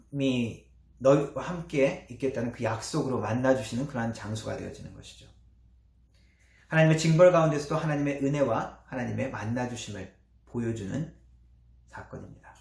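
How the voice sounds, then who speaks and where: A man preaching a sermon as pastor, with earnest emphasis and soft trailing endings. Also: mid-range voice, vocal fry. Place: church sanctuary. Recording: echoey church hall.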